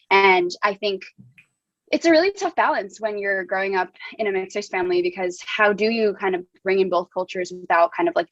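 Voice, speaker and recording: A young woman from New Jersey, USA, appears as a guest author in an interview, speaking casually and chattily with constant "like" and "um". Her voice is medium in pitch, recorded with no room sound and the highs cut off.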